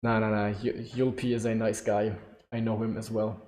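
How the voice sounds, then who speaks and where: A German-accented man in his twenties hosts a casual live Q&A stream, his darkish voice at normal speed with little pitch movement. He rambles loosely, often restarting sentences, self-correcting and laughing. The low-quality stream audio sounds echoey, as if in a reverberant room.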